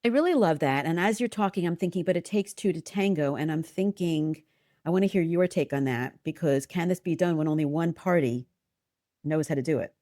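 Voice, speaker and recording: A woman's voice: sits low, brisk, mellow, no room sound, studio quality. A woman hosting a parenting podcast, who affirms her guest eagerly and asks follow-up questions. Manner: enthusiastic, affirming interviewer. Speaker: podcast host. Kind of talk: conversational podcast interview.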